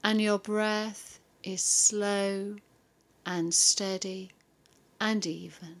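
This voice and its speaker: Female yoga instructor, unhurried and gentle, leaves long pauses between soothing cues, mid-pitched voice. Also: steady tone. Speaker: yoga teacher. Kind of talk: guided yoga and relaxation.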